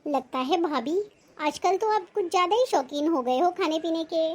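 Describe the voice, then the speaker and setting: A nosy young sister-in-law, voiced by a woman, chatters on and pries into everything in a family drama. Her voice is very high, and her remarks carry a sly, fussy edge. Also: lively intonation, normal speed, a little mellow. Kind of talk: acted Hindi family short film.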